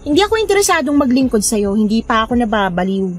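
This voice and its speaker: Woman voicing a defiant, sharp-tongued healer. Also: fairly high pitch, fast, soft background music. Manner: scornful, defiant, lively. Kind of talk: audio drama acting.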